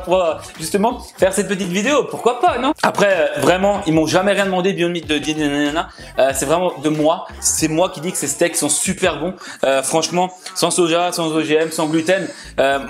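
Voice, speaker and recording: A young man hosting a home cooking vlog, talking in an excited, slangy, exclamatory way as he builds and tastes a burger. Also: fairly high pitch. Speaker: cooking vlogger.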